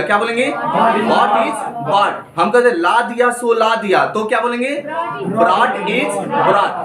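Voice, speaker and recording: A man with a high voice teaches a grammar lesson, asking the same question again and again and answering it himself. He sounds set back from the mic in an echoey room. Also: distant mic. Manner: repetitive question-and-answer drilling. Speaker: spoken English teacher.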